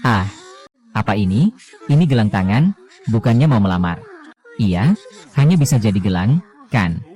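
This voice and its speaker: A man reading the dialogue of a dubbed drama, voicing every role in one even, low-key delivery. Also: normal speed. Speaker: voice-over reader of a drama.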